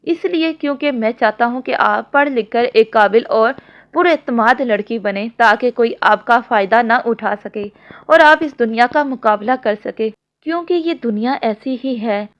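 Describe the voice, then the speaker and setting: A possessive young man who is doting one moment and commanding the next, read in a woman's own soft voice. He speaks low and firmly, a little above the usual pitch for a man. The lo-fi audio sounds dull. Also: moderate pace, close to an everyday voice. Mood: tender.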